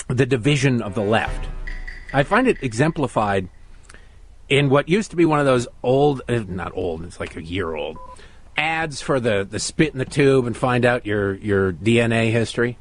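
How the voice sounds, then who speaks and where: A man's voice: lowish voice, slight background noise. A middle-aged American man filling in as a talk radio host, delivering an opinionated monologue with sarcastic, mocking asides.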